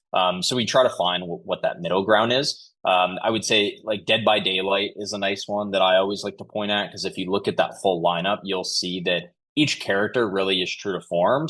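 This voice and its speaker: His voice is deep, with a slight brightness to it. He's a company CEO guesting on a podcast, explaining things conversationally in response to interview questions and frequently dropping in "you know."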